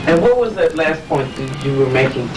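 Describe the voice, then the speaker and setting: A man moderates a lecture in a casual, slightly halting way. His somewhat high voice sounds distant and roomy, with music playing clearly behind him. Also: expressive. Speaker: event host.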